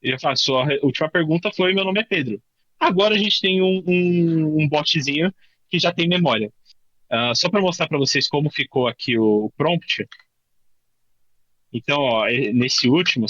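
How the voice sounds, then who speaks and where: A man's voice: medium pitch, fairly bright tone, no echo, highs cut off. A man with a Brazilian Portuguese accent giving a live coding workshop, talking informally and thinking aloud with many restarts. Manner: says he tends to talk fast. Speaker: workshop instructor.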